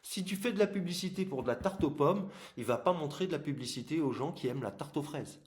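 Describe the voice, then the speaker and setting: A man's voice: fairly high pitch, animated, fast talker. A man hosting a casual explanatory marketing video, speaking informally and emphatically to the viewer, with articulation slightly impeded by plastic dental aligners. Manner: informal, emphatic, addresses the viewer directly with examples. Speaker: host of an online marketing channel. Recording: echoey room.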